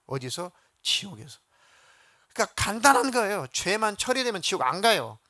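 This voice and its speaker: Bright-voiced, animated male pastor. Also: fairly high pitch, no room sound. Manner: animated storytelling, acting out quoted voices. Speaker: senior pastor. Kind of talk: sermon. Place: church sanctuary.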